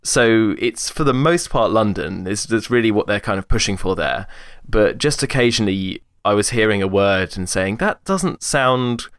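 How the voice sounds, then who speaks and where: A man's voice: fairly low pitch, moderate pace, few pauses, no room sound, studio quality. A young man hosting a casual chat, explaining his points with frequent restarts and eager detail. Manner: hesitant, many restarts, enthusiastic about detail. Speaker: podcast host discussing accents.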